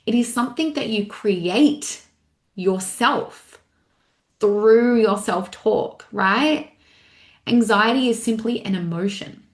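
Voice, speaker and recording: A young adult woman coaching in a casual, animated way, with lots of fillers like "like" and "right". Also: a little high, takes it slowly. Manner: casual, filler-heavy with frequent "like", animated retelling. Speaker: mindset coach. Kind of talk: motivational talk. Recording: echoey room.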